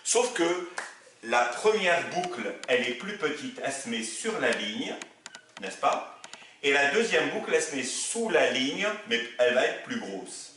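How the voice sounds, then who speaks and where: Slow, lively-voiced man teaching. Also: roomy sound, slight background noise. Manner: slow, patient explaining with lively pitch. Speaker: Arabic teacher. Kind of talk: video lesson.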